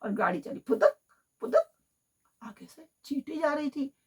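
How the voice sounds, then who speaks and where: A teacher telling a children's story on the radio, talking straight to the children in an animated way. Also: female voice, sits high, unhurried. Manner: animated, addresses children directly. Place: radio studio.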